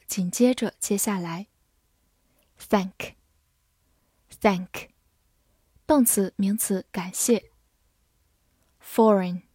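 A woman teaching English vocabulary in a scripted lesson, reading each word twice and then its meanings in an even way. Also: medium pitch, husky, no room sound, studio quality. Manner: slow, even reading of words and definitions.

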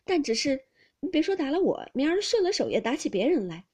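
A woman doing a gentle, patient young maid. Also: sits high, sing-song, brisk, pitched above the performer's own voice. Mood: placating. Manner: soft, placating, forbearing. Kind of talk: storybook reading.

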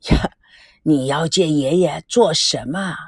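Gentle old grandmother, voiced by a woman. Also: sits low, slightly rough, no room sound, clean studio sound, pitched below the performer's own voice, exaggerated voice. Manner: soft, slow, placating. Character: gentle elderly grandmother, calm, soothing.

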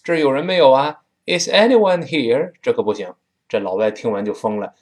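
A man from Tianjin with a Tianjin accent, teaching spoken English in a chatty style and drawing out words slowly to demonstrate them. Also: on the low side. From Tianjin, China. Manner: drawn-out slow demonstrations of words; lively and chatty.

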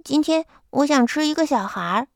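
Storybook crocodile boy, stubborn and sulky, a bit lower than her own voice, dry close sound, read by a woman. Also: lively intonation, brisk, gravelly, dry recording. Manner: sulky, insistent. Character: stubborn little boy crocodile, wants to eat a child.

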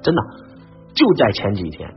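Guy preaching to a crowd, lively pitch, slightly dull audio with faint music underneath. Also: moderate pace. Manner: emphatic storyteller with rhetorical questions. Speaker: motivational trainer. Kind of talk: lecture to a live audience.

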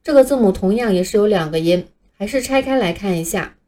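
A woman teaching English letters, speaking patiently and clearly in a scripted lesson, with Chinese as her first language. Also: medium pitch, lively intonation, fairly quick, dark tone. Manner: patient, clear, modeling pronunciation for learners to repeat.

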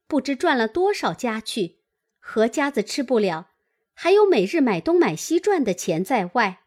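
A woman reading the lines of a scornful, sharp-tongued young actress girl. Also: on the high side.

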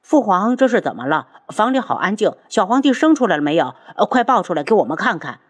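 Woman doing an eager fast-talking prince. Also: medium pitch, very animated, slightly rough. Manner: quick, eager. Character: eager, chattering young prince.

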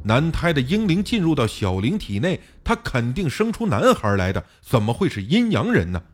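A man's voice: mid-range voice, very animated, normal speed. A man voicing a puzzled adult man who questions what went wrong. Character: calm man, puzzled, matter-of-fact.

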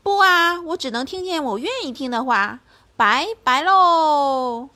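A woman voicing a very old, half-deaf and sly male circus bear with a slow, drawling voice. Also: sits high, big pitch swings, a bit bright.

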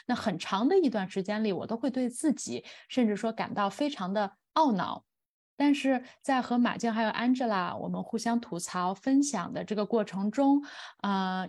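Thoughtful woman podcast host, measured and reflective. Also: mid-range voice, darkish tone. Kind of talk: reflective personal talk in a podcast.

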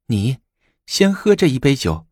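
A man's voice: mid-range voice, very animated, measured pace, a little mellow, no room sound, clean studio sound, pitched above the performer's own voice. A male storyteller voicing a scheming young empress, speaking in a coaxing yet commanding way in a storybook reading.

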